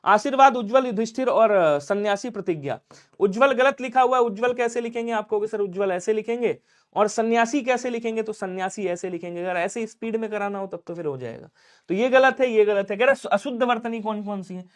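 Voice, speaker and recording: A man leads an exam-prep grammar lesson. His voice sits fairly high, and he drills question after question. He answers each one himself in his students' voices. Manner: drills quickly, urging speed. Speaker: Hindi teacher.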